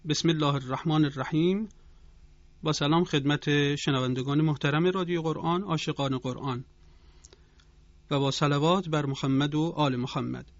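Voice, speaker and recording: A man teaches Quran recitation rules on a radio program, speaking in a formal, instructive way and chanting example phrases to demonstrate. His voice sits fairly high, and the recording is dry and dull in tone. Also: steady tone, no echo. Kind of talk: radio tajweed lesson.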